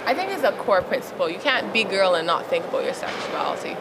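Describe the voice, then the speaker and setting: A woman's voice: mid-range voice, fast. Young bajan woman chatting frankly in an interview, laughs a lot, traffic noise behind. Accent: Barbadian. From Barbados. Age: young adult. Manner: frank and lively, laughs often. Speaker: interviewee, youth advocate. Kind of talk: casual interview answers. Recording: outdoor recording with traffic noise.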